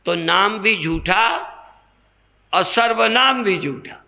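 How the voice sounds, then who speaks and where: An older swami gives a spiritual discourse at a very unhurried pace, teaching through rhetorical questions and examples. His gravelly voice has fry at the edges, sounding bright, forceful, and expressive, and it is a little higher than most men's.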